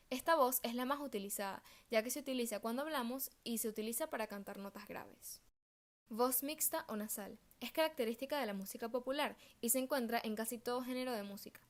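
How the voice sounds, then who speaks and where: Young woman reading a school presentation. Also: on the high side. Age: young adult. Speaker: student presenter. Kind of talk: read-aloud research presentation.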